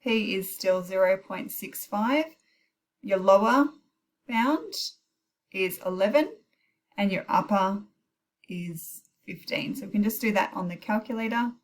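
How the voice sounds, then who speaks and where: A woman's voice: medium pitch, a little slow, pauses often. A woman teaching maths in an informal recorded tutorial, thinking aloud through calculator steps and correcting herself as she goes. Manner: thinks aloud with self-corrections and brief apologies. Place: recorded while heavy rain pours outside.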